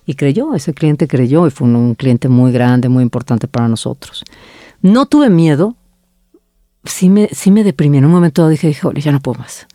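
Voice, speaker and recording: A middle-aged woman who founded an agency is the guest in a conversational interview, narrating her business story animatedly and quoting herself and others along the way. Her voice is deep, warm, and mellow, at a normal speed, captured dry and close without echo.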